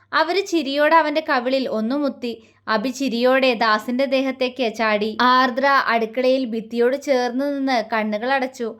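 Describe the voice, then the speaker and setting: High-voiced woman storyteller. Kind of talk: reading a romance story aloud.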